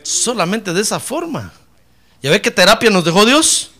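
A man preaching a fiery sermon in church, dropping to low asides and then rising to shouted praise. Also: very animated, normal speed. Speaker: pastor.

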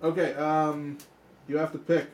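A man's voice: a little high, level tone, a little slow. A man co-hosting a casual live stream, chatting and joking in a rambling way with frequent restarts. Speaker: co-host.

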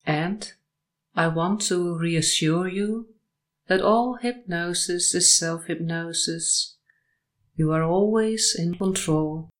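A woman with a lowish voice leads a sleep meditation and hypnosis session. She speaks in brief, measured, soothing phrases, leaving long pauses between them.

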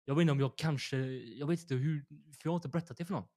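A man's voice: a little high, dark tone. A young man, a podcast host telling a long story in a rambling, slangy way full of fillers.

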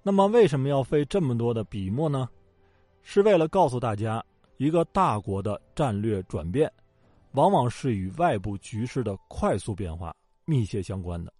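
A man's voice: mid-range voice, animated, normal speed, warm tone, no echo. A man telling history in a casual, joking storytelling way, with colloquial asides. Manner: colloquial and joking, with acted quotes. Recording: dry close mic with faint background music.

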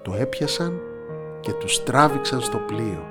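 A man's voice: mid-range voice, lively intonation. Man narrating a children's story. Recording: narration over soft instrumental music.

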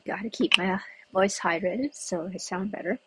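Recorded outdoors where it's breezy and people walk past, this US-raised podcast host meanders through a chatty solo episode, pausing to think out loud. Pitch sits at medium, with noise in the background.

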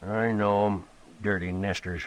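An actor playing a mean, threatening older rancher in a 1950s radio drama, gruff and contemptuous. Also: male voice, fairly low pitch, fairly even intonation, unhurried, lightly acted, poor audio. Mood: menacing.

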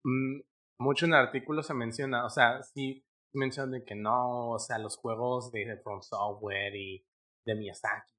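A man's voice: mid-range voice, steady tone, a little slow, sharp tone. A young man in casual gaming chat, laid-back and slangy with hesitant fillers.

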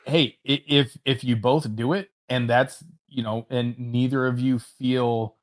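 A man's voice: medium pitch, fairly even intonation, a little slow. A man co-hosting a podcast, chatting in a loose, amused way and often restarting his sentences. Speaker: podcast co-host. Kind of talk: casual podcast banter.

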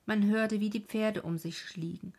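A woman's voice: medium pitch, steady tone, normal speed, a little mellow. A woman narrating a historical novel as an audiobook, often dropping to a half-whisper.

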